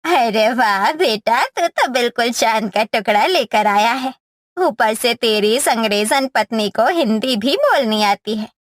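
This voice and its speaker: Cartoon mother-in-law: high, shrill, scornful, slow deliberate delivery, dry sound. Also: animated, no echo. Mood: fussing. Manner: shrill, mocking insults. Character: scolding middle-aged mother-in-law, sharp-tongued. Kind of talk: cartoon story voice acting.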